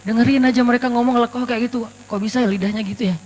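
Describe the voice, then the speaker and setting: High-pitched male preacher, casual storytelling sermon; long reverb and a faint mains hum. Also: steady tone, fast. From Aceh, Indonesia. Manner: chatty, storytelling, joking asides.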